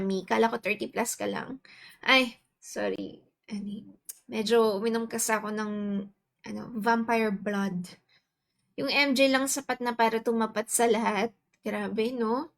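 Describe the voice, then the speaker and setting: A Filipino woman in her forties with a Filipino accent, chatting casually on a livestream and greeting viewers; her voice is soft and quiet, her throat a bit sore. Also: fairly high pitch, gravelly. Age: 40s. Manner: chatty, mixes Tagalog and English, greets viewers by name. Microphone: earphones with mic.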